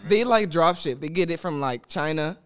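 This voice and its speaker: A man's voice: a little high, moderate pace, clean tone. A young man in casual group chat, rambling through his points with many restarts. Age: young adult. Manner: rambling, restarts often, animated.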